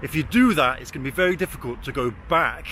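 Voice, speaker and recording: This forty-year-old vlogger chats on city streets with lively intonation and a quick pace, his mid-range voice pushed and bright. He's blunt, jokes at his own expense, swears easily, and has a weak R he can't roll or pronounce clearly. City and traffic noise is audible outside.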